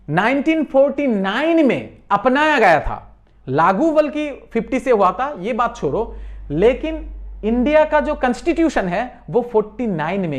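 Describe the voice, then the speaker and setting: A man teaching a lesson on memory tricks. He repeats each point and keeps asking his listeners whether it is clear. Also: extremely high pitch. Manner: repeats points and checks understanding.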